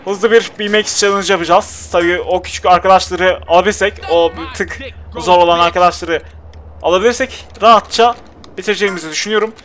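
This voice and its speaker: A man's voice: sits high, fairly even intonation, fast talker, fairly bright tone. A young man giving casual, exasperated commentary while playing a video game and talking to his character. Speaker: gameplay commentator.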